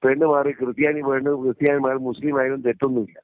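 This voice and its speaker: A man's voice: medium pitch, little pitch movement, very fast, dry recording. A man speaking emphatically in a casual phone conversation, repeating his points, heard over a phone line. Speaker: interviewee. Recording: tinny dry phone line.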